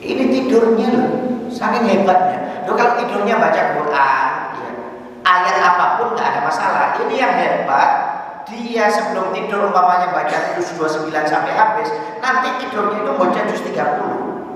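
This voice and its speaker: A man from Indonesia giving a religious lecture at a mosque study circle, telling stories with mounting excitement and dotting his talk with "ya". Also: high-pitched, normal speed, a little hiss or hum. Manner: storytelling with rising excitement and repeated "ya". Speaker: preacher leading a study circle. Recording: echoey mosque hall, far from mic.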